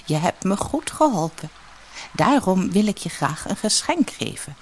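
A woman voicing a kindly female fairy disguised as an old woman, gentle and gracious, stern when she scolds, in a husky storybook voice. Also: medium pitch, big pitch swings, unhurried.

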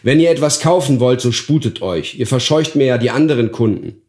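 A man voicing a brisk middle-aged vegetable seller in a fairy tale reading, speaking curtly and impatiently. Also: medium pitch, lively intonation, a little mellow, reverberant, pitched above the performer's own voice, close to an everyday voice. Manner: curt, impatient.

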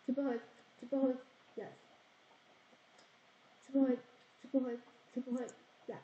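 A woman's voice: high-pitched, little pitch movement, moderate pace, dull audio. A young female friend chatting while gaming, teasing and chanting words over and over. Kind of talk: casual gaming chat.

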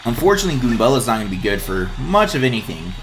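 A man's voice: mid-range voice, big pitch swings, racing, slight background noise. A man giving casual, rambling let's-play commentary, chatty and full of hesitations.

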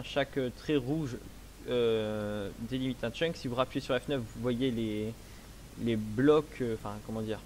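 A young man in a casual let's play, explaining his game setup slowly with many hesitations, speaking into a headset. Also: mid-range voice, a little hiss or hum. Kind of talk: casual gameplay commentary.

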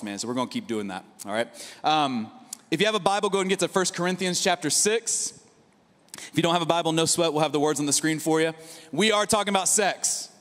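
High-voiced pastor preaching in a reverberant hall. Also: male voice. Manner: energetic, conversational preaching with asides and rhetorical "right?". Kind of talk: sermon. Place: large church auditorium stage. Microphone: handheld mic.

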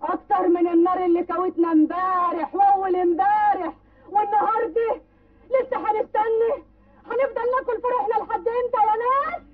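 A woman's voice: extremely high pitch, fairly even intonation, racing, few pauses. An actress playing a grieving, defiant village woman with an Egyptian accent, in an old film. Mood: angry. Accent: Egyptian Arabic. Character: grieving, defiant village woman whose husband was taken. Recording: tinny, distant old film soundtrack.

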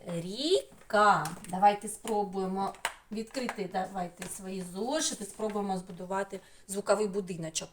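A middle-aged woman teaching an online lesson to young children, asking riddles, praising answers and stretching out sounds and syllables. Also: mid-range voice. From Ukraine. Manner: slow, sing-song, stretches out sounds and syllables. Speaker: preschool teacher.

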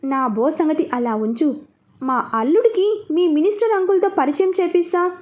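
A cheeky young man jokes and pokes fun with a playful grin in his voice, as a woman reads him. He is a teasing sidekick in a storybook, voiced high. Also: normal speed, darkish tone, close to an everyday voice.

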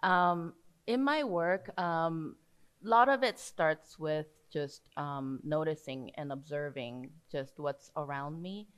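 Low-voiced woman in her forties. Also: slow, clear, resonant tone. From South Korea. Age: 40s. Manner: soft-spoken, modest, with many fillers. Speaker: panelist artist and professor. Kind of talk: panel talk. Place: theater stage before an audience.

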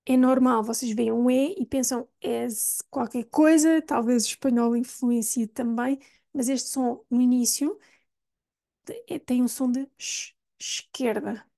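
Language teacher, woman, European Portuguese accent, somewhat high, slightly gravelly voice, slow clear demonstrations. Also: fairly even intonation, warm tone. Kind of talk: pronunciation lesson.

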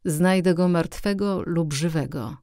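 A woman reading the lines of a calm, reserved English gentleman in an audiobook, measured and composed. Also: medium pitch, no echo, studio quality, lightly acted.

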